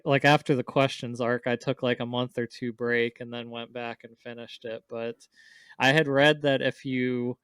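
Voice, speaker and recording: A man co-hosting a podcast chats casually about visual novels in a clear, resonant voice. His pitch stays fairly flat as he rambles through informal explanations. The recording is dry and close, with no echo.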